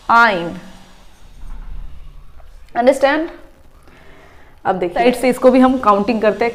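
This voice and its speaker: Woman teacher, fairly high voice, step-by-step counting, checks understanding often, lecture style. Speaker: chemistry teacher. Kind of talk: classroom lecture explaining at a whiteboard.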